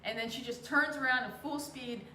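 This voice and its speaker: A woman in casual chat, wry and talkative, cutting in with quick remarks. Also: high-pitched, fairly even intonation. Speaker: co-host. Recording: roomy echo, faint background noise.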